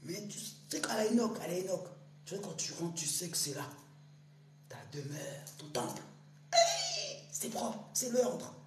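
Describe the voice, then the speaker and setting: A woman rambling through a spiritual monologue, talking straight to her listeners in street slang. Her pitch leaps all over, from near-whispers to sudden loud bursts. The room is echoey, with a faint hum behind her. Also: moderate pace. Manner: animated, swinging between hushed whispers and loud outbursts. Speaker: spiritual speaker. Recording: roomy echo with faint hum.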